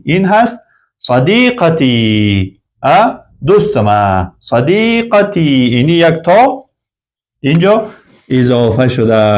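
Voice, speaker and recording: A male teacher, his voice sitting a little high and swinging up and down a lot as he talks. He goes slowly and says each new word twice over, walking beginners through a classroom lesson. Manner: slow and repetitive, saying each word twice. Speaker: Arabic teacher. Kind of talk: classroom lesson explaining vocabulary.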